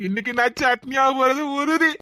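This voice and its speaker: A woman's voice: high-pitched, moderate pace, noisy background, close to an everyday voice. A woman voicing a harried young husband who pleads with his mother, in a Tirunelveli Tamil accent. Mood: pleading. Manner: whiny, pleading.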